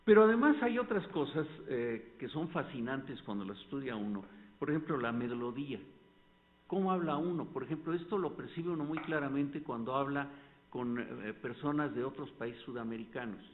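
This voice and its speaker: A man with a Mexican accent giving an academic lecture at a medical colloquium, explaining points with an animated, demonstrative delivery. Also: medium pitch, moderate pace. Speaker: panel speaker at a medical colloquium. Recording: tinny phone-like lecture recording.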